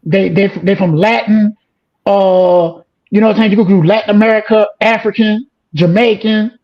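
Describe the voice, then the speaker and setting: Guest dude w a high voice, real emphatic, bro this bro that, muffled audio. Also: male voice, fairly even intonation, normal speed. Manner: emphatic, keeps calling the listener bro. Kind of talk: casual chat. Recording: dull lo-fi sound.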